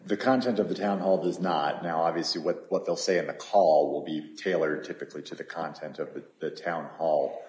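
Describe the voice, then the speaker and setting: A man attorney making an appellate oral argument, halting and often repeating his words. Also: very deep voice, fairly even intonation, darkish tone, roomy sound.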